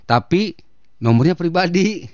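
A man's voice: high-pitched, animated, measured pace, darkish tone, no echo, lo-fi sound. A man hosting a casual morning radio show, reading listener messages and teasing his co-host. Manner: reads listener messages aloud, playful teasing.

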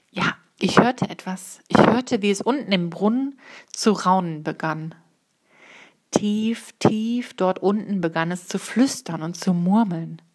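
A woman reading a children's book aloud in a calm, measured way, now and then correcting small slips. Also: fairly low pitch. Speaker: audiobook reader.

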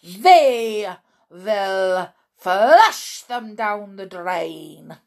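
A lady reading out a shrieky bossy old witch queen, loud and slow, voice swoops up high. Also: lively intonation, a little hiss or hum. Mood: ranting. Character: screaming tyrannical old female witch leader.

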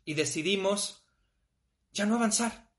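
A man's voice: sits high, a little slow. A man with a Mexican accent, talking bluntly and casually about grief, with frequent swearing. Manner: blunt, profane, animated. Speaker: podcast host.

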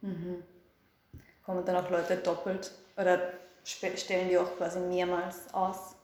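A woman interviewer asks her questions in a low, even voice with little rise and fall. She keeps up short acknowledgements while others speak. Strong echo rings around her. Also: a little slow. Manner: attentive, frequent backchannel. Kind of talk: radio interview. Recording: very echoey room.

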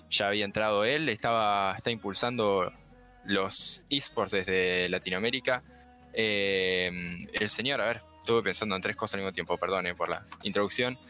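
A man hosts a casual podcast, rambling, playful and a bit apologetic. His voice is low yet bright and forward. Faint music plays beneath him. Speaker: podcast host.

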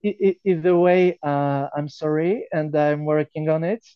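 A man's voice: on the high side, fairly even intonation, moderate pace, smooth, no echo, dull audio. A man with a French accent, a native French speaker, chatting casually as a podcast guest in hesitant, non-native English.

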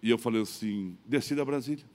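A middle-aged pastor with a Brazilian Portuguese accent preaching a sermon, telling a personal story and acting out both sides of the dialogue. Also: male voice, medium pitch, fairly quick, darkish tone. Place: church.

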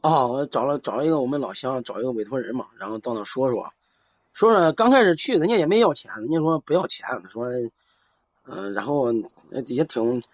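A man calling in for advice, chatting casually in a hesitant, halting way and repeating himself. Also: medium pitch, animated, no echo. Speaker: caller seeking advice. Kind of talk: casual chat. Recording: dull lo-fi live call.

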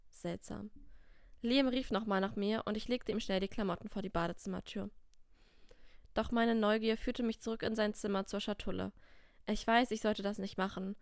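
A woman narrating a first-person story in steady, scripted reading. Her voice is smooth and clear, at a middle pitch. The sound is dry and close to the mic. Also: dry recording. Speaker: podcast host and author reading her story.

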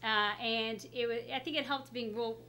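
A woman's voice: a little high, fairly even intonation, normal speed, pushed and bright, a little hiss or hum. A middle-aged woman chatting casually as a pediatrician guest in an interview, speaking through a face mask. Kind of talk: casual interview, telling career story.

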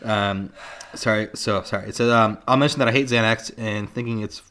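A man in his twenties reading a story aloud on a casual podcast, laid-back and quick to laugh, swearing freely. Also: on the low side, fairly even intonation, pushed and bright.

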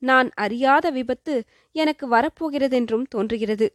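A woman's voice: sits high, moderate pace, dry recording, clean studio sound, natural voice. A woman voicing a fearful, tearful young princess in a storybook reading. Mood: sorrowful. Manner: sorrowful, sobbing.

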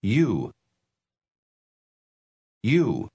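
Slow, deliberate American man drilling words. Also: on the low side, wildly swooping pitch, dark tone, slightly rough. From United States. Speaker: English pronunciation model speaker.

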